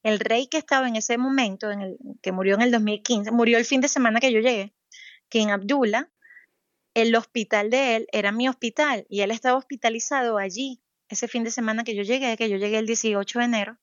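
A woman's voice: on the high side, steady tone, no echo, lo-fi sound. A woman, a doctor being interviewed, talking thoughtfully with frequent fillers and restarts. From Venezuela. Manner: thoughtful, many fillers and restarts, slows to stress points. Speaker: pediatric cardiologist guest. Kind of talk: interview, recounting experiences.

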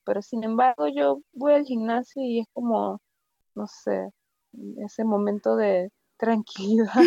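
A woman from Venezuela with a Venezuelan accent, chatting casually as a guest and telling stories with lively asides. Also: fairly high pitch, gravelly, no room sound, dull audio. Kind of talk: casual conversation.

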